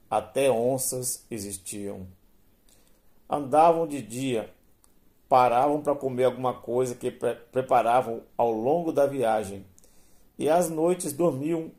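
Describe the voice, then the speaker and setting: A man reading a spoken story aloud in a slow, measured, deliberate way. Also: medium pitch, warm tone.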